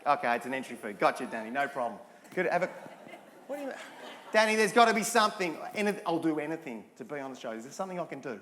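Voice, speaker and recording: A man's voice: fairly high pitch, very animated, quick pace, a bit bright. An Australian man hosting a live show in a theatre, talking in a playful, rambling, self-mocking way. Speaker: host. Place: large theatre with a live audience. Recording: long hall reverb with audience noise.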